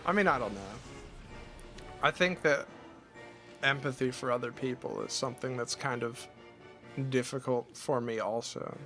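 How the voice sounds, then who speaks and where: A male streamer talks casually while playing a game, rambling and restarting his thoughts often. His voice is bright and a bit sharp at a middle pitch. Faint game music plays behind him. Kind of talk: casual chat while gaming.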